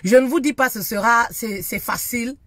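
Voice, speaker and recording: Lady, high voice, preachy advice talk, keeps saying yes yes yes, dry close sound. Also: normal speed, fairly bright tone, no room sound. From Africa. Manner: emphatic, repeats herself with many affirming "oui". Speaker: marriage advice speaker.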